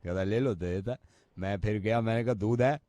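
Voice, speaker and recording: A man's voice: on the low side, fairly quick, dark tone, no room sound. A man on the radio pulling prank calls, switching between Hindi and English in a teasing tone. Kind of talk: prank call comedy.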